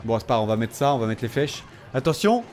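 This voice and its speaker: A tired man casually commenting on his own game, excitable and talking to himself and his opponent. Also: medium pitch, fast talker, faint music behind. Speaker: gaming video host.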